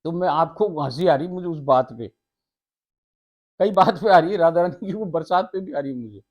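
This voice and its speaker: A man's voice: fairly high pitch, moderate pace, dull audio. A man, giving a devotional talk, chatting casually and laughing often between passages he reads out. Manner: homely, laughs often, addresses listeners as sarkar. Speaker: devotional storyteller. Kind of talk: devotional talk mixing casual asides with read scripture.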